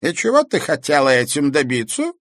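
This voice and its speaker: Man doing a cranky old man, high and loud, blustering, lively swings in pitch, dry close sound. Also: a little fast, no echo, heavily acted. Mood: irritated. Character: grumpy, cunning old man, easily angered.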